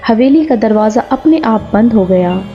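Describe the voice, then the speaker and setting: A woman narrates a horror tale at a slow, measured pace, her voice a little high. The sound is dull and lo-fi, with faint music underneath. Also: expressive. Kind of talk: scripted horror story narration.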